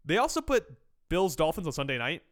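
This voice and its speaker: A man co-hosting a sports podcast in casual chat, with wry asides and a quick rundown of the games. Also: fairly high pitch, big pitch swings. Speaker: podcast co-host.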